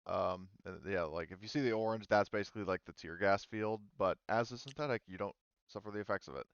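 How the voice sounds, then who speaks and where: Fast-talking and smooth, with a lowish voice and no echo, a game master guides a casual online tabletop RPG. He explains in halting fragments, and the audio comes through dull and a little muffled.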